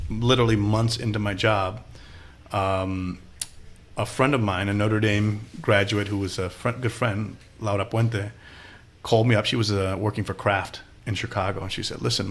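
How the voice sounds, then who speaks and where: A man from Austin, Texas, a podcast guest telling stories in a casual interview and acting out the people he quotes. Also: lowish voice. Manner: animated storyteller who acts out quoted people.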